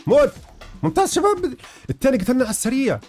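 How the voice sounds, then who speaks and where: Male gamer, breakneck delivery, lively up-and-down pitch, faint music behind. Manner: hurried, repeats phrases, teasing. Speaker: gaming YouTuber. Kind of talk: excited gameplay commentary.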